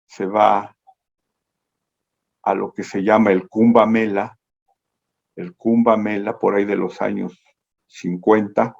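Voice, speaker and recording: A man lectures slowly over a video call, his low, gravelly voice drifting through a meandering story. He corrects himself as he goes. The call audio is dull and lo-fi. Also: darkish tone.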